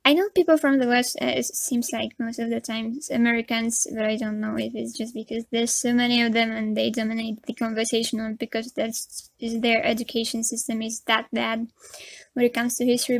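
Speaking with vocal fry in a high-ish voice, this young commentary YouTuber from Poland has a Polish accent and gives candid, chatty remarks over a drawing video. She laughs nervously and uses lots of fillers, and the recording has no echo.

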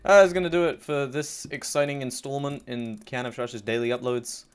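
A man's voice: mid-range voice, fairly even intonation, moderate pace, smooth. A man giving sarcastic, mock-boastful commentary over his own gameplay as a YouTuber, joking at his own expense. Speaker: gaming YouTuber. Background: faint keyboard and mouse clicks.

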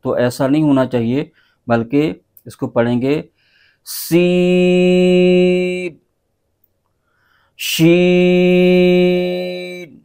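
A Quran teacher, reciting letter names in long drawn-out syllables, then explaining in quick low asides. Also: male voice, steady tone, warm tone. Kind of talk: slow recitation lesson.

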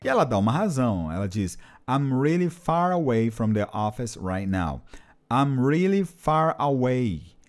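A man's voice: lowish voice, sing-song, normal speed, hardly any pauses, a little mellow. A man teaching an English lesson, patiently repeating and translating phrases. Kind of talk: explanatory language lesson.

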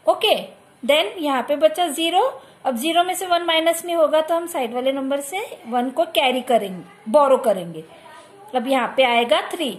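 A woman teacher with an Indian accent works through a maths exercise from a workbook step by step, switching between Hindi and English. Her voice is high and her pace moderate.

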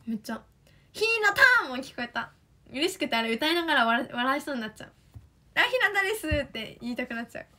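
A young woman with a Kansai accent, chatting excitedly on a livestream as an idol, reading fan comments. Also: on the high side. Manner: chatty, excitable, quick bursts of enthusiasm.

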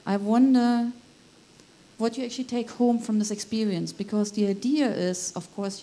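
A woman's voice: mid-range voice, dark tone. A woman in the audience asking a panel a thoughtful question at a conference.

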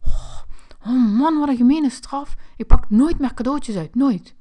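A woman voicing a curious, mischievous young boy in a toy figure play video, excitable and whining. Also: fairly high pitch, a little slow.

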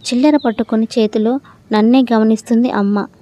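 Flat, mellow woman storyteller. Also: a little high, brisk. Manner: steady first-person storytelling. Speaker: story narrator. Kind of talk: audio story reading.

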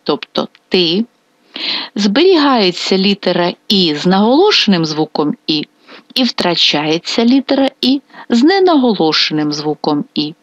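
A woman teaching a grammar lesson on video, spelling out verb forms slowly and with care. Her pitch rises and falls a lot as she stresses each ending. The sound is dry and a little dull and lo-fi. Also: sing-song, no room sound. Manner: slow, careful drilling of verb forms. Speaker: Italian language teacher.

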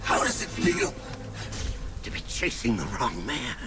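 A man's voice: mid-range voice, wildly swooping pitch, measured pace, music in the background. An actor playing a militia henchman under interrogation in a video game, with a strained, emphatic delivery. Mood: gloating.

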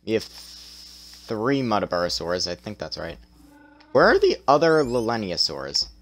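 Talking through his gameplay in a relaxed, chatty manner, this young male streamer pokes fun at himself. His voice is lowish, tired and strained, swings widely in pitch, and moves a little slowly.

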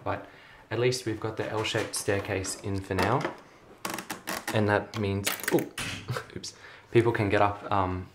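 Young man, lowish voice, casual show-and-tell vlogger, echoey carpeted room. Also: slow. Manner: relaxed, chatty, frequent ums. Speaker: LEGO hobby vlogger. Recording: echoey room, faint noise.

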